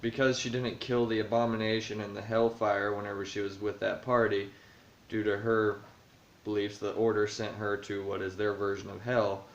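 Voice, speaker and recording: This vlog comes from a man with a lowish voice, flat delivery and normal speed. Filmed in a room at home with roomy, dull lo-fi sound, he rambles through thoughts on the campaign he runs as dungeon master, using lots of fillers.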